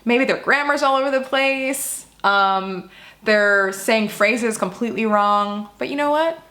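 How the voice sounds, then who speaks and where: A woman's voice: a little high, a little slow, pushed and bright. A young adult woman on a casual vlog, giving upbeat, encouraging advice to language learners in a chatty way.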